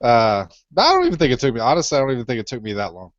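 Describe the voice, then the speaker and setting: A man's voice: medium pitch, huge pitch swings, racing, dry recording. Podcast guy rambling and cursing, dull dry sound, laughs a lot. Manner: rambling, swears freely, laughs often. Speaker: podcast co-host. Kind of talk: casual chat.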